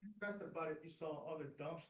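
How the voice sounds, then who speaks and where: Guy lawyer asking a witness formal questions, voice a bit on the high side. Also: fast, fairly bright tone.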